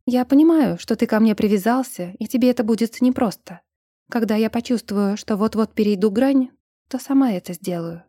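Defiant young vampire girl , as a lady reader does her, dark mellow tone, dry sound. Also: fairly high pitch, a little fast, no room sound, natural voice. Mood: quiet earnest. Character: stubborn young woman turning vampire.

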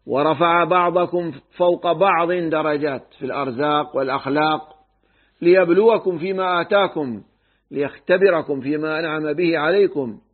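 A man teaching a Quran commentary lesson, measured and pausing to check readings. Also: on the high side. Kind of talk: tafsir lesson. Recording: tinny phone-like recording.

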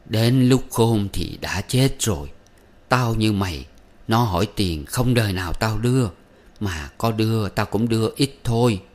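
A man's voice: fairly low pitch, lively intonation, a little slow. A man reading aloud and voicing a bitter, domineering old mother who scolds harshly. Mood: weary.

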